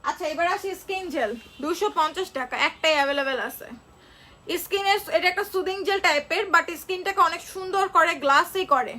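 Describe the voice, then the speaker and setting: A woman from Bangladesh, unwell, selling products on a phone live stream. She talks slowly and chattily, repeating prices and answering viewers. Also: extremely high pitch, pushed and bright, faint music behind. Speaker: online shop seller. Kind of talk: live-stream sales pitch.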